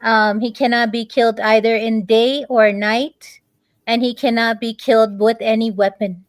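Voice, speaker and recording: A woman, a guest in a conversation, telling a long story in a halting way, pausing on many fillers and restarts. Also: fairly high pitch, level tone, dry recording.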